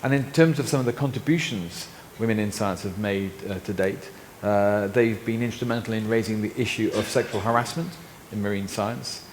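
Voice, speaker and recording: A man moderating a panel discussion, relaying an absent speaker's points and handing over to panelists in a relaxed way. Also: lowish voice, normal speed, hardly any pauses. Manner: relaxed, with fillers, relays comments and hands over questions. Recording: reverberant hall with faint noise.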